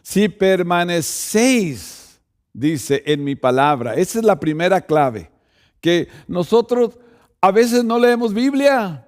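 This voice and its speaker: A man's voice: high voice, big pitch swings, slow. A man, a pastor, preaching a sermon and speaking directly to the congregation, often checking in with rhetorical asides.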